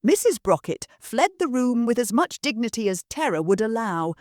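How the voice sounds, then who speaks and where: A woman's voice: a little high, very animated, moderate pace, darkish tone, dry recording, studio quality. A woman narrating a comic gothic story expressively.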